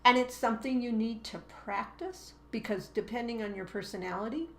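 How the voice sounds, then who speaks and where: A woman who is a teacher co-hosting a casual chat, speaking in a measured, emphatic way and acting out classroom voices. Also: on the high side, a bit bright. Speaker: teacher and co-host. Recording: roomy echo.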